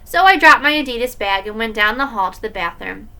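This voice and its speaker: Bright, expressive woman reading aloud. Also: on the high side, fairly quick. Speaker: story reader. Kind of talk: reading a children's book aloud.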